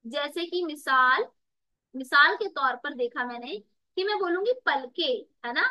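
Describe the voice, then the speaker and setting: Slow-talking woman tutor, high voice. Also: animated, bright, forceful tone, no room sound, rough recording. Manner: repeats words and asks the class rhetorical questions; addresses students as beta. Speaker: Urdu tutor. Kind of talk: online exam-prep lesson.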